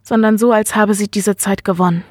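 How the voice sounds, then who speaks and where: A woman reading the lines of a calm, earnest male doctor in a measured, serious way. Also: medium pitch, dry recording, studio quality, lightly acted. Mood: grave.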